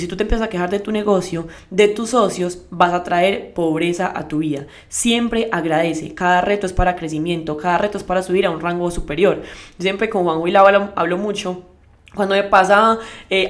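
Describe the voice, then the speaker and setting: A young adult woman leading a network marketing team, giving a motivational live talk and speaking straight to her audience with lively asides. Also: lowish voice. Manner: emphatic, addresses the audience directly.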